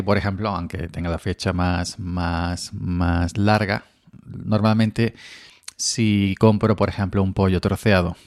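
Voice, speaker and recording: Podcaster from Andalusia, low gravelly voice, dry close sound, rambling chat. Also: male voice, no echo. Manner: rambling, with frequent restarts and chuckles. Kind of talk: casual monologue.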